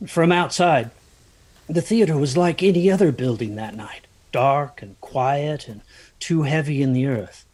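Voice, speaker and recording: A man acts as the narrator of a dramatic first-person ghost story, an anxious, haunted figure recalling a stormy night. His voice is on the high side and darkish, measured in pace, and his delivery is hesitant, brooding, hushed, and eerie.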